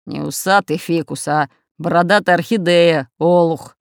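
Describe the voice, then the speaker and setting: A woman voicing a gruff, bossy, red-bearded male pirate captain. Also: low-pitched, fairly even intonation, normal speed, a little mellow, dry recording, clean studio sound. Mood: scolding.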